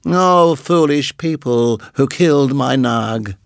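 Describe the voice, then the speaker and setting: A man voicing a vengeful female king cobra in a storybook reading, menacing and drawn-out. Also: mid-range voice, vocal fry, no room sound, studio quality.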